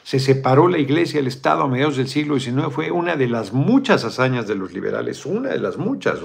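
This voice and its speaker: Blunt, gravelly Mexican man digressing freely. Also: medium pitch, big pitch swings, fast. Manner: blunt, swears freely, digresses and corrects himself. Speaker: politician hosting a video chat. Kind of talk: casual political commentary.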